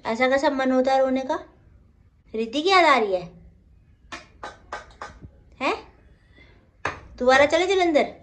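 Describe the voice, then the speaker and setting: A woman vlogger with a somewhat high voice chats through her day and teases with question after question. She is recorded on a handheld phone. Faint noise sits behind her voice. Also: lively intonation, slow, pauses often. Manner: chatty, teasing, asks many questions. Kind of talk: casual daily vlog narration. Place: at home and out running errands.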